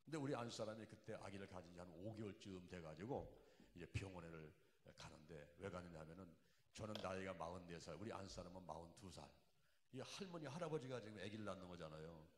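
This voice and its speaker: A man's voice: low-pitched, a little hiss or hum. Man preaching a story in an echoey church hall. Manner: storytelling, rising to loud emotional outbursts. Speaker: pastor. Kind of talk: sermon testimony.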